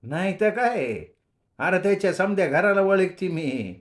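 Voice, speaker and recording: A man's voice: high-pitched, very animated, measured pace, voice pushed up. A man putting on a feisty old village woman. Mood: scolding. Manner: scolding, snapping.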